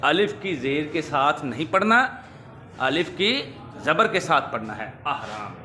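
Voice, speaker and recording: A man teaching word pronunciation to children, drawing words out slowly and quizzing with rising questions. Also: on the high side, expressive, bright, forceful tone. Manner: slow, drawn-out repetition of words. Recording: echoey room with faint ambience.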